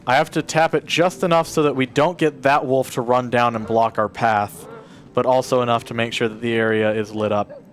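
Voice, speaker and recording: At a charity marathon, a man speedruns a game live and keeps up relaxed commentary, laying out his route and addressing the characters to coax them along. He speaks at a moderate pace in a mid-range voice with fairly even intonation.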